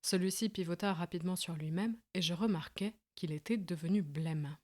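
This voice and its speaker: A woman narrates a classic detective story in a steady, clear reading voice. Her pitch sits a little low for a woman. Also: moderate pace. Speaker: audiobook narrator. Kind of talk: scripted narration.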